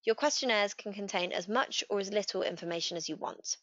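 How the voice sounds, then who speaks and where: A woman gives a scripted software walkthrough in a steady, clear voice. The recording is dry, with no room sound. It is also a little dull in tone. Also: medium pitch, fairly quick, no echo. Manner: steady, clear step-by-step instruction. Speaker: customer success manager. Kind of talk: scripted software tutorial narration. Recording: dry, slightly dull voice-over.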